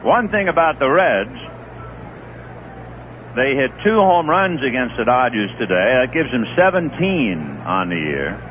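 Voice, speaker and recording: A play-by-play announcer calls a baseball game live on a tinny, noisy 1970s radio broadcast. His medium-pitched voice keeps a measured pace but turns lively and climbs with the big plays.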